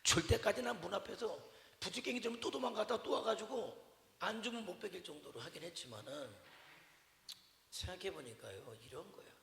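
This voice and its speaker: A man's voice: sits high, expressive, fairly quick, vocal fry, fairly bright tone, a little hiss or hum. A male pastor preaching a sermon to his congregation, talking conversationally, quizzing them with repeated questions and telling stories about his mother with humor. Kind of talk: sermon at a Wednesday evening service. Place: church sanctuary. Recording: echoey church hall with long reverb.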